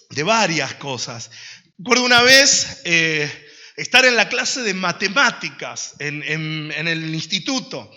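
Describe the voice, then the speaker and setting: A young man, a pastor, preaching a lively sermon to his congregation with a strong, powerful voice and jokes along the way. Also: sits high, dull audio. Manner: animated storytelling with jokes and laughter. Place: church hall. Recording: long church-hall reverb.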